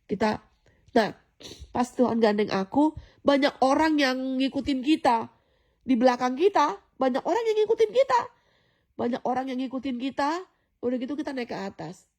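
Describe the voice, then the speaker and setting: Woman vlogger, rambling testimony, gravelly and dark-toned, a touch higher pitched. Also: lively intonation, moderate pace, pauses often. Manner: rambling, repeats phrases, frequent fillers and restarts. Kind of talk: casual spoken testimony addressed to viewers.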